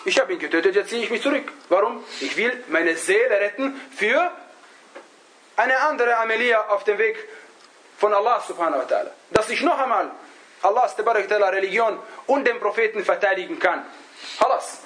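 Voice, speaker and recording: High-voiced man teaching, halting delivery. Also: a bit bright, poor audio. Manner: halting, searches for words, often adds a questioning "ja?". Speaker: religious teacher. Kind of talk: religious lesson, storytelling to a class.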